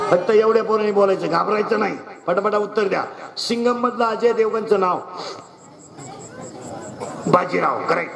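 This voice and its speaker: A man with a Marathi accent doing comic stage talk at an outdoor festival, quizzing the audience in quick call-and-response through a stage mic. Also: high voice, gravelly. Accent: Marathi, western Maharashtra. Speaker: stage comedian. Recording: echoey outdoor stage, loud crowd. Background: loud crowd noise.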